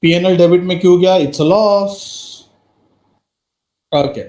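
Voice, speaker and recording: Guy teaching accounts online, high voice, mixes english, echoey. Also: slow pace, darkish tone. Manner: mixes Hindi and English, quizzes students by name. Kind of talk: live online class lecture. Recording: roomy echo.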